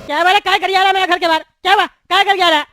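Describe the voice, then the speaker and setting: A woman's voice: very high voice, steady tone, racing, over music. A woman voicing a bald, bullying male thug politician in a cartoon, speaking in a threatening, bossy way. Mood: menacing. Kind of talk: cartoon voice acting.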